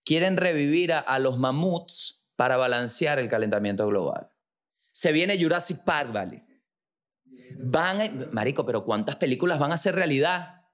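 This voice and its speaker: A man's voice: fairly high pitch, lively intonation, moderate pace, fairly bright tone. A man with a Venezuelan accent hosting a podcast, riffing through a joking, slangy and profane comic monologue. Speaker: podcast host.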